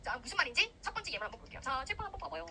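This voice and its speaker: Young woman, grammar lecturer: high, fast and animated, acts out her examples. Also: creaky, slight background noise, poor audio. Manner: lively, animated, acts out grammar parts in quarrelling voices. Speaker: English grammar teacher for civil service exam students. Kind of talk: recorded lecture.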